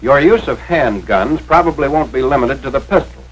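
A husky, mid-range American male voice with lively intonation narrates at normal speed. The script is for a 1940s instructional film, delivered with authority and careful enunciation as if teaching step by step, through a noisy, radio-like soundtrack.

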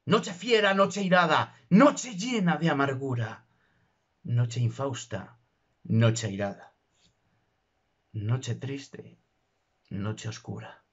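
Slow, dramatic husky male reciter. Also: mid-range voice, fairly bright tone. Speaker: narrator. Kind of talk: theatrical verse recitation. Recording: dull muffled recording.

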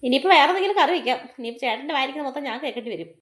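A woman's voice: sits high, animated, racing, heavy background noise. A woman playing a fretful, scolding mother in a family comedy skit, full of exclamations.

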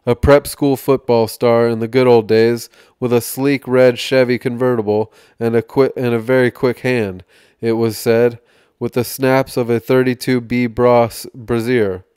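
Male podcast reader, steady and measured, smooth tone, dry close sound. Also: mid-range voice, no echo. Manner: measured reading with small slips and restarts. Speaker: podcast host reading aloud. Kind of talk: reading an article aloud.

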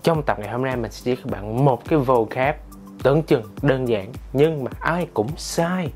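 A man talks through an English lesson for his channel, chatty and coaxing as he keeps checking in with his viewers. His pitch sits in the middle, and faint music plays underneath. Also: moderate pace, darkish tone. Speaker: English teacher. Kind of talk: teaching vlog.

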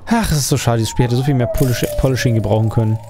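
A man's voice: mid-range voice, very fast, noisy background. A man giving casual let's play commentary, thinking aloud and asking himself questions as he plays.

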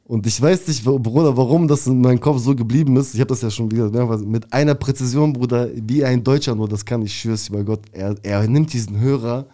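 A young man from Berlin, an interview guest telling a story in a casual, slangy and animated way. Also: medium pitch, a little fast, hardly any pauses. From Berlin, Germany. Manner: slangy and animated, calls the listener "bro".

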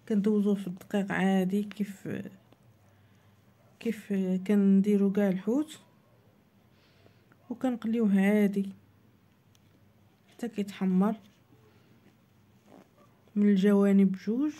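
Woman, Moroccan Arabic accent, cooking tutorial voice-over, very mellow dark tone, plain instructive delivery. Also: medium pitch, fairly even intonation, normal speed, long pauses. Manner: plain, instructive, addresses viewers directly. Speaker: cooking channel host.

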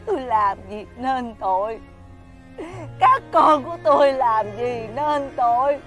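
A woman's voice: high voice, expressive, slow pace, a bit bright, soft background music, heavily acted. A middle-aged woman playing a grieving mother who wails and despairs in a TV fairy-tale drama. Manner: wailing, despairing.

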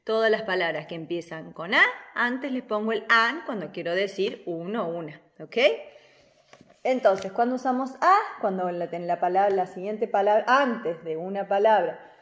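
A woman, teaching a recorded English class to children, slow and patient as she explains grammar. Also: mid-range voice, a bit bright, echoey room. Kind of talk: recorded remote class for kids.

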